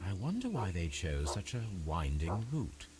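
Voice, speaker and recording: An actor playing a calm, methodical male detective in a video game, speaking in a measured, deductive way. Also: low voice. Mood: musing. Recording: game audio with music behind. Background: game music.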